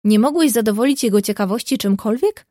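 A woman reading the part of a bold, warm-hearted young woman who speaks earnestly and coaxingly. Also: a little high, a little fast, no echo, studio quality, close to an everyday voice.

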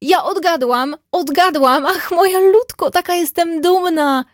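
Woman doing a gushing, high young girl. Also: measured pace, no room sound, clean studio sound. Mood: overjoyed. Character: lively young girl, excited and proud.

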